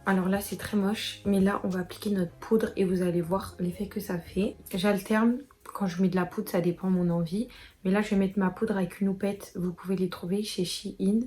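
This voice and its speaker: A woman's voice: mid-range voice, fairly even intonation, moderate pace, a little mellow. Chatty young woman doing a makeup tutorial. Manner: chatty, addresses viewers directly. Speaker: beauty vlogger.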